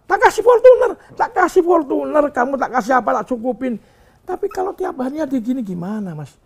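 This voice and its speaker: A man's voice: very high-pitched, big pitch swings, brisk, gravelly. An older man, lecturing and complaining at length about his son to an interviewer, preachy and emotional. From Indonesia. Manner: preachy, lecturing, mixes in Javanese words. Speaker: father giving a clarification interview.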